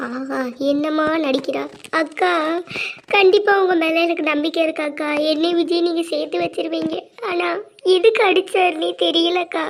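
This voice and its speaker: A woman's voice: very high voice, steady tone, normal speed, slight background noise. A woman voicing a weepy naive cartoon girl. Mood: pleading. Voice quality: whiny, weepy. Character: tearful naive young woman. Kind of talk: cartoon voice acting.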